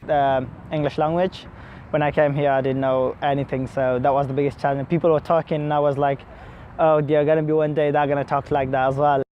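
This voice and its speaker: An eighteen-year-old man from Afghanistan, a student, speaking hesitantly with many pauses. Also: on the high side, little pitch movement, dull audio, a little hiss or hum. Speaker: student and care leaver. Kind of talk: interview to camera.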